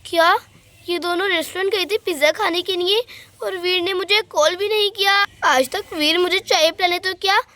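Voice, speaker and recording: Woman doing a sulky huffy girl doll, very high voice, doll story. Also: steady tone, normal speed, bright, forceful tone. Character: touchy young woman doll Mira, quick to sulk.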